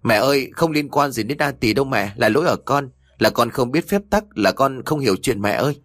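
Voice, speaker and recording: A man's voice: medium pitch, expressive, fairly quick, a bit bright, dry recording, clean studio sound, voice pushed up. A man voicing a frightened young noblewoman who pleads tearfully with her mother-in-law. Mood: desperate pleading.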